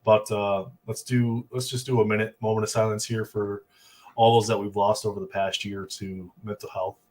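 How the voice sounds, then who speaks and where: A man's voice: on the low side, flat delivery, normal speed, a little mellow. A man hosting a casual group livestream chat, laid-back, reading out chat comments. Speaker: livestream host.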